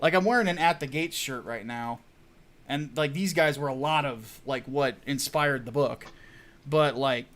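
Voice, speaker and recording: A man hosting a casual livestream for his comic launch, excitable, laughing often and swearing freely. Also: medium pitch, moderate pace. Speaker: comic book writer hosting a launch stream.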